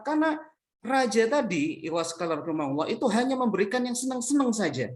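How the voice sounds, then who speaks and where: Male teacher giving a religious parenting talk, chatty, tells stories and keeps asking questions back at the listeners. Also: high voice. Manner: storytelling with rhetorical questions; conversational, mixing casual slang. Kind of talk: religious study lecture.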